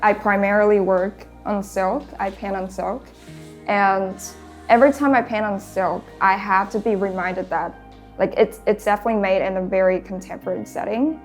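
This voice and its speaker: Young woman painter, medium pitch, reflective and searching, faint music under her. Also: steady tone, normal speed. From Taiwan. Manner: thoughtful, searching for words. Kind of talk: documentary interview.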